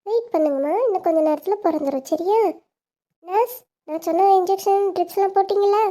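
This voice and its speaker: A child playing a calm hospital doctor who reassures the patient and checks with the nurse. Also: very high voice, fairly quick. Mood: reassuring.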